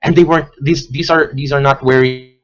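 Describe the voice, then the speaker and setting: A man as a podcast guest, speaking earnestly and haltingly, with many restarts. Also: medium pitch, fairly even intonation, highs cut off. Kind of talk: casual chat.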